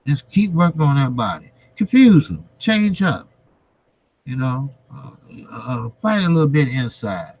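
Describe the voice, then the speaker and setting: A man with an average-pitched voice talks boxing with his live viewers at a slow pace. His delivery is informal and slangy, with the odd swear word. He repeats phrases for emphasis and lets pauses hang between them. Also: big pitch swings, a little mellow, slightly rough. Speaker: boxing vlogger, host. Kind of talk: casual boxing commentary to live chat viewers.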